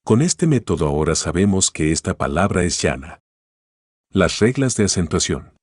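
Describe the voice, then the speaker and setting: Deep husky male teacher, dry sound. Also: moderate pace, no echo. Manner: calm, explanatory, guides listener through an imagined story. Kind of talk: spoken grammar lesson.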